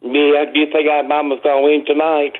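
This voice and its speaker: A man's voice: fairly high pitch, level tone, brisk, narrow, tinny audio. An older man from Alabama calling into a radio show over the phone, recovering from surgery and giving plain, short answers. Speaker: radio call-in caller.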